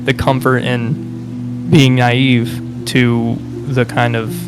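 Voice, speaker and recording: This young Midwestern man talks extremely slowly in a flat, mid-range voice, casual and reflective, stumbling through fillers and restarts and laughing often. The recording is rough, with music in the background.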